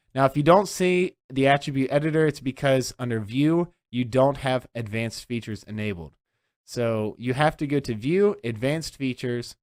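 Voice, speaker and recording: Dry-voiced man teaching a software tutorial. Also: medium pitch, no echo. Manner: walks through steps one by one, often checking in with "okay?". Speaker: tech instructor. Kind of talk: screen-recorded software tutorial.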